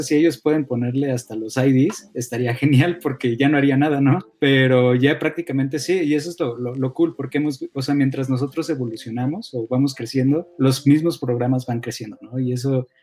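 A man's voice: medium pitch, steady tone, brisk, hardly any pauses, warm tone. A man chatting on a radio show, rambling with many fillers and restarts. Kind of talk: casual radio show chat.

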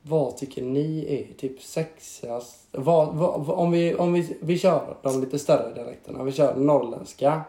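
A hoarse young man from northern Sweden leads a casual chat in a lively, talkative way. His voice is mellow and dark. The room gives it a clear echo. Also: on the high side, hardly any pauses, slight background noise. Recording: roomy echo.

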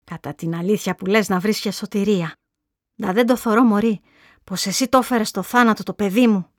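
A woman voicing a grieving mother who curses a sick young woman, speaking loudly and bitterly. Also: lowish voice, steady tone, no echo, clean studio sound, close to an everyday voice. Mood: bitter cursing. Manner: bitter, cursing, raised voice.

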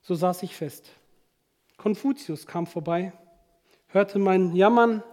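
A man's voice: sits high, slow, a little mellow. A man preaching a fervent sermon, addressing his congregation directly.

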